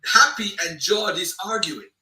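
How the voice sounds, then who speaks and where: Animated man, very sharp tense voice, recorded off-mic in an echoey room. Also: high-pitched, measured pace. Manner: animated, plain-spoken, uses everyday analogies. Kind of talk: casual conversation. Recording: roomy sound, distant from mic.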